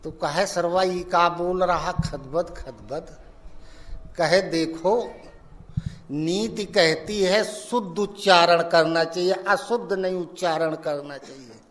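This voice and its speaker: Spiritual teacher, male; unhurried storytelling sermon, higher-pitched delivery. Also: fairly even intonation, fairly bright tone. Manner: slow, folksy storytelling with acted-out dialogue.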